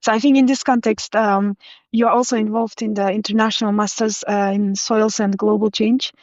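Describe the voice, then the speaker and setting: A young woman from Kazakhstan hosting an interview, asking questions with many fillers and pauses. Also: medium pitch, little pitch movement, darkish tone, no room sound, muffled recording. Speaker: podcast host.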